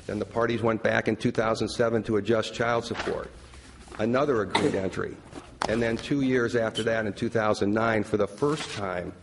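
Male lawyer doing a formal court argument, gravelly lowish voice, careful wording, roomy hall echo. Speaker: lawyer arguing an appeal. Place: large courtroom. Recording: reverberant hall, faint noise.

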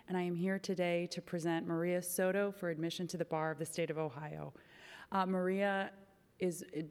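A woman's voice: fairly low pitch, a little mellow. A woman, a director of an organization, making a formal recommendation before a court. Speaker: legal aid foundation director. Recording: echoey hall.

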